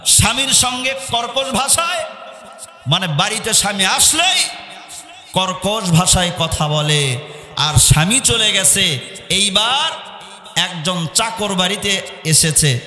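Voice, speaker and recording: Bright-voiced man preaching in echoing hall. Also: sits high, expressive, takes it slowly, pauses often. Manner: chants and sings passages, shouts rhetorical questions to the crowd. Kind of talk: Islamic sermon with sung verses. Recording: echoey hall with long reverb, faint music.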